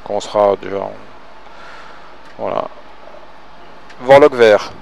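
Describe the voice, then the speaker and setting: Hesitant man calling cockpit checklists, slightly gravelly. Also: on the low side, takes it slowly, darkish tone, rough recording. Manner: hesitant, thinking aloud between clipped callouts. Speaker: pilot calling checklists and guiding the flying pilot. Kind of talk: cockpit callouts and casual instruction.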